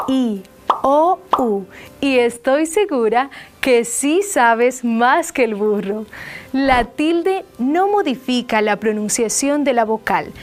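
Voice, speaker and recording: A woman teacher giving a scripted lesson, slowly stressing and repeating key phrases. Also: a little high, a little mellow. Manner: slow, drawn-out repetition of key phrases. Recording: faint background music.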